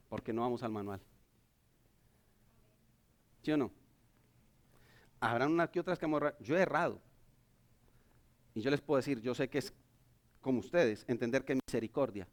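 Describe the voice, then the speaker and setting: A man, a pastor, preaching a church sermon, swinging between loud emphatic lines and low quiet asides.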